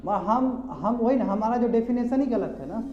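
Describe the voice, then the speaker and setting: A man's voice: very high voice, moderate pace, music in the background. A man lecturing a class, chatty, calling on students directly and mixing in English terms. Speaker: teacher. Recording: echoey classroom, slightly dull.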